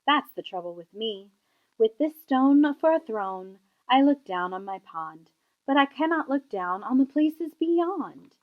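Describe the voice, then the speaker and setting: A woman's voice: high voice, expressive, a little slow, narrow, tinny audio. A woman voicing a pompous, greedy turtle king in a children's storybook, boastful and imperious. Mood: discontented, scheming. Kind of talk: children's storybook read-aloud.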